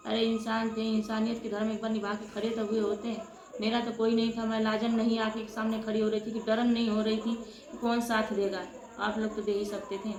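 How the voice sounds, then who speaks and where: A woman's voice: a little high, completely flat delivery, fairly quick. A woman vlogger tells her own story to viewers with passion, often calling them friends. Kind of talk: emotional personal storytelling to viewers. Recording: echoey room with loud ambient noise.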